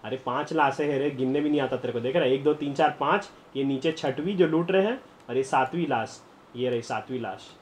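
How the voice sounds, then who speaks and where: A young man streaming a game live, chatting to viewers and breaking into excited shouts and laughter. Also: mid-range voice, a little fast, a little hiss or hum. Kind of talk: live gameplay commentary.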